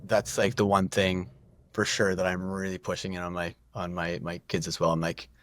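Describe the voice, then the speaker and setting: A man's voice: low-pitched, level tone, moderate pace, dry recording. A middle-aged man talking as a podcast guest, rambling and self-deprecating, with frequent restarts and laughs. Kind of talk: casual podcast conversation.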